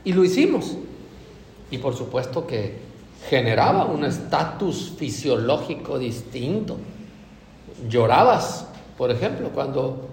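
Emphatic preacher in an echoey hall. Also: male voice, very animated, slow pace, slight background noise. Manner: emphatic, rising to loud declarations then dropping low; frequent tag questions to the congregation. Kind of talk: sermon. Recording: echoey hall with faint ambience.

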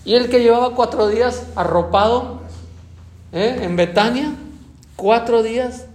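Dramatic preacher in an echoey room. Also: male voice, very high-pitched, unhurried. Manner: dramatic, swings from soft asides to loud emphatic peaks. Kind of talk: sermon. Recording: echoey room with faint ambient noise.

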